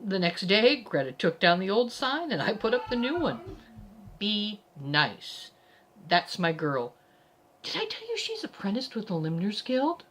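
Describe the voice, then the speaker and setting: A woman's voice: mid-range voice, big pitch swings, normal speed, a little hiss or hum. A woman reading a first-person story aloud in a brash, conversational manner. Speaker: story reader.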